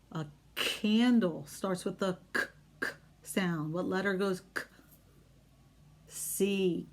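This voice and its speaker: A woman teaching young children phonics, slowly modeling sounds in an exaggerated way and asking encouraging questions. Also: medium pitch, slight background noise. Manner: encouraging, question-and-answer talk with pauses.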